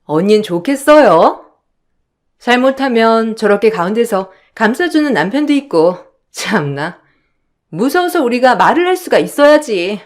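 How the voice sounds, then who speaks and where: A woman's voice: a little high, very animated, normal speed. A woman voicing a spoiled young sister-in-law who needles with sarcasm in a radio drama. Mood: sarcastic.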